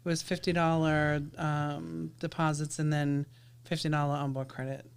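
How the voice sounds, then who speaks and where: A woman co-hosting a casual live cruise stream with her partner, affectionate and quick to laugh. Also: low voice, flat delivery, clear, resonant tone. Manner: affectionate, laughs often, short replies. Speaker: co-host of a live cruise show.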